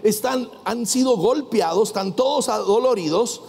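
A man preaching a sermon, asking his listeners rhetorical questions and swinging from hushed asides to loud exhortation. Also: high voice, normal speed, gravelly, husky, long reverb tail.

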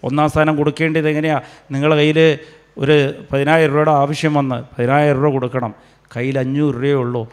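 A man's voice: a little high, little pitch movement, fairly quick. A middle-aged man from Kerala, preaching a charismatic sermon with fervor and often calling out praise. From Kerala, India. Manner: fervent, punctuated with praise the Lord.

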